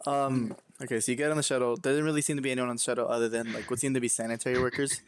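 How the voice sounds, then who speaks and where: Guy running a tabletop game, laid back, lots of ums, normal pitch. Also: rapid-fire, slight background noise. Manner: relaxed, loose narration full of ums. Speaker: game master. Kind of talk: narrating a tabletop game over voice chat.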